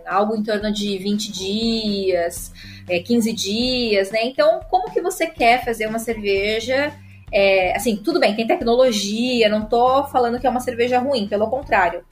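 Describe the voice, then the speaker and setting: A woman sommelier with a Brazilian Portuguese accent, explaining at length in casual chat with many filler tags and restarts. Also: mid-range voice. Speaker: sommelier guest.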